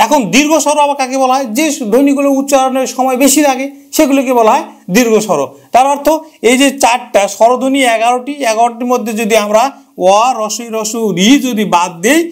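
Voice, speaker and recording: A man teaching a grammar lesson who repeats key terms and asks and answers his own questions. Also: extremely high pitch.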